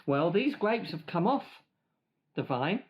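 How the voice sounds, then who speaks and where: A man giving a lively children's church talk, playful and chatty, eating grapes as he speaks. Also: sits high, takes it slowly, slightly rough. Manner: lively, playful, eats grapes while talking. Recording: dull lo-fi recording.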